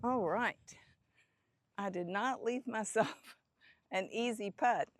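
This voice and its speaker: A woman's voice: medium pitch, slow, no room sound. A middle-aged woman hosting a casual golf vlog, chatting to herself on the course with a self-deprecating manner. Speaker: host.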